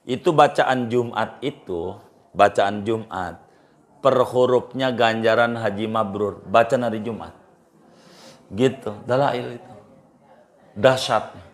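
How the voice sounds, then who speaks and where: A man's voice: on the low side, slow pace, long pauses. Emphatic man giving casual religious advice. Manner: informal, emphatic, repeats phrases for stress. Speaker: Islamic preacher answering questions.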